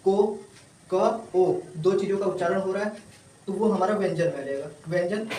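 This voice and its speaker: A male tutor explaining a grammar lesson to students, slowly repeating definitions and sounding out letters one by one. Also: high voice, darkish tone. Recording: roomy, distant mic, faint ambient noise.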